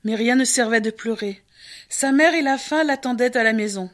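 A woman's voice: a little high, soft background music. Woman narrating a folk tale. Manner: measured, expressive. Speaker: storyteller.

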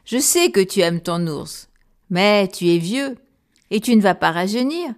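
A woman's voice: mid-range voice, very animated, a little slow. A woman voicing a poor, determined young male viking in a storybook, speaking earnestly.

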